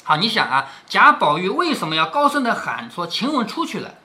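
A man's voice: high-pitched, huge pitch swings, brisk, sharp tone. A middle-aged man reading a classic novel aloud to his daughter, stopping often to explain and asking rhetorical questions.

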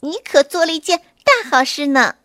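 A woman voicing a small, brave and clever gray rabbit in a children's story, brisk and confident. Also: high-pitched, sing-song, bright, forceful tone, dry recording, studio quality, pitched above the performer's own voice, exaggerated voice. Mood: cheerful.

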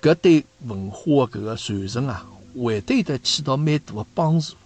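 A man's voice: medium pitch, animated, moderate pace, darkish tone. A man in his fifties with a Shanghainese accent, hosting a casual chat and often checking that his guest agrees. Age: 50s. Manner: chatty, often asks for agreement. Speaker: host.

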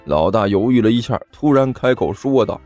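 A man narrating a comic novel as an audiobook in a lively storytelling manner. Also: fairly low pitch, brisk. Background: faint music.

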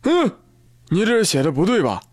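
A man's voice: high voice, huge pitch swings, normal speed, a little mellow, husky, dry recording, voice pushed up, exaggerated voice. A man voicing an indignant, cocky older man in a comic news story, blustering and exclaiming. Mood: suspicious, demanding. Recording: music playing behind the voice.

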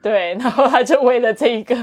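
A woman's voice: on the high side, a little fast, darkish tone. A woman, hosting a casual chat and prompting her guest along. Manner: chatty, responsive, prompting. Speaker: podcast host.

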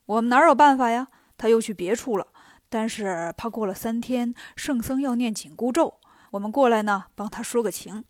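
A woman voicing a jovial old male longevity god in a storybook, talking low and easy. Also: moderate pace, dry recording, studio quality, lightly acted. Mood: easygoing.

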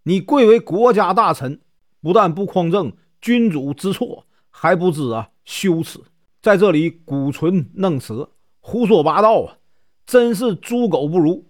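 A hot-tempered young lord spits out angry insults, as a male storyteller acts him out. His voice sits fairly high and moves with lively pitch, close and dry. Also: unhurried, no room sound. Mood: enraged.

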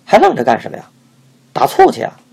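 A man doing a scolding stingy wife, shrill, loud, bossy, gravelly, husky. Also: huge pitch swings, fairly quick, heavily acted. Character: stingy cruel old-Beijing woman, harsh master's wife.

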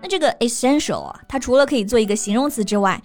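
A woman's voice: on the high side, lively intonation, quick pace. Woman co-host spelling out English words. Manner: explanatory, spells out words letter by letter. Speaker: co-host of English lesson podcast. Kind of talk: bilingual scripted teaching chat. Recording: soft music behind.

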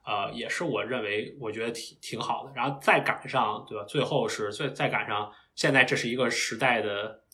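A young man speaks as a podcast guest at an ordinary middle pitch. He reflects in a loose, meandering way, often restarting his phrases as he thinks aloud. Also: normal speed, few pauses, bright, forceful tone. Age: young adult. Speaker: guest, recent PhD graduate. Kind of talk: casual podcast interview.

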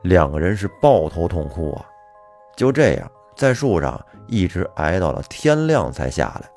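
A man telling a folk tale in a lively, colloquial manner with plenty of fillers. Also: low-pitched, moderate pace. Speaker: storyteller. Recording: faint music behind.

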